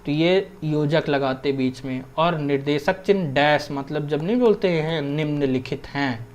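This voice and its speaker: Conversational and relaxed, a young man teaches Hindi grammar for exam prep, sprinkling in English and asking "theek hai" again and again. He speaks at a measured pace in a slightly high voice.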